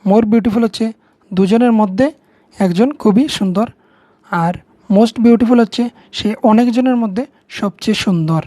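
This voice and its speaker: A woman's voice: mid-range voice, normal speed, long pauses, dark tone, no room sound, clean studio sound. A woman with a Bengali accent, patiently explaining English grammar to students step by step, repeating key words. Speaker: teacher.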